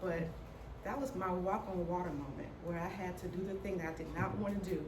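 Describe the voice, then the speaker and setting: A middle-aged woman with a fairly low, fairly quick voice tells her own story to an audience in a hall, stuttering as she speaks candidly and with humor. The mic sits at a distance in an echoey room, so the sound is roomy and picks up background noise.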